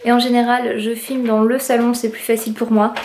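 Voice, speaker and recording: A woman's voice: on the high side, flat delivery, fairly quick, a little mellow, slight background noise. A young woman chatting casually to camera at home, enthusiastic, with many fillers. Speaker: family vlogger. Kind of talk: casual vlog chat to camera. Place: apartment at home, indoors.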